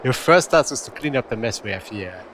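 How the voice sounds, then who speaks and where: A man voicing a stern woman commander, Ella, in a put-on Russian or Polish accent, reading game tutorial lines in a brisk, commanding way. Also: mid-range voice, lively intonation, a bit bright, a little hiss or hum, lightly acted. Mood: instructing.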